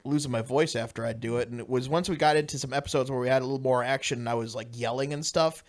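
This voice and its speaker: A man's voice: mid-range voice, steady tone, quick pace. A man chatting casually on a commentary track about a comedy series he made, rambling and laughing at himself. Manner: laughing, rambling, self-mocking. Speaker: co-creator commenting on his show.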